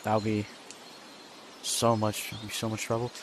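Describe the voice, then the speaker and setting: A man's voice: lowish voice, monotone, measured pace. A man hosting a casual homemade fan video, rambling with lots of fillers. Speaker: channel host and narrator. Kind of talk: casual fan video intro and role-play. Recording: noisy home recording.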